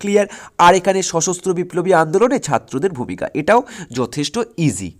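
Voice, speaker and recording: This fast-talking Bengali teacher from West Bengal has a high voice with big swings in pitch. On his online exam-prep history channel, he lays out exam strategy step by step in a relaxed lesson, repeating points and constantly checking understanding with quick questions.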